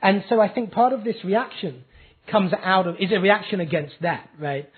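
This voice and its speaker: Man, interviewer, high-pitched voice, analytical conversational delivery, thin phone-line recording. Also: animated, moderate pace, breathy edge.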